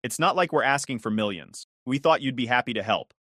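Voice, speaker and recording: Chill mocking brother-in-law guy, storyteller doing his lines, lively up and down voice. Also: mid-range voice, fairly quick, dry recording, clean studio sound. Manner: teasing, casual. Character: laid-back mocking young husband.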